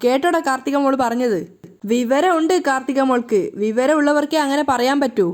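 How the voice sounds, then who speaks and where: Woman voicing a proud father in a serial retelling, high-pitched and boastful. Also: brisk, lightly acted. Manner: boastful, fond. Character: proud doting middle-aged father.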